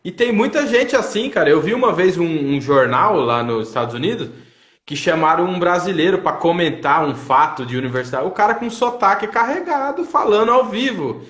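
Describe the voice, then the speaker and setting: With big pitch swings and a high, fairly bright voice, a man talks a little fast, and the audio is reverberant. He is a Brazilian-accented native Portuguese speaker hosting a language-learning livestream, chatting casually and telling anecdotes in colloquial speech indoors on an online live video call.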